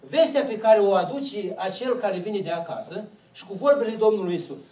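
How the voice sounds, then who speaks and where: High-pitched preacher in an echoey hall. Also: male voice, recorded from a distance. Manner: asks the listeners questions and answers them himself. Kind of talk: sermon.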